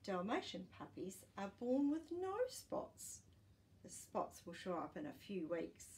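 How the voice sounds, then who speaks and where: In a small living room, a woman in her sixties acts as a storytime host reading a children's non-fiction picture book aloud, speaking carefully and simply for young listeners. Her medium-pitched voice is very animated, a little slow, and slightly mellow. A camera a short distance away picks her up along with a little hiss or hum.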